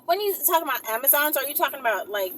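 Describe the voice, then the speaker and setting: Answering viewer questions in a casual Q&A, a woman talks fast in a high, sing-song voice that's a bit bright. Her style is blunt and sassy, and faint background noise and room ambience come through.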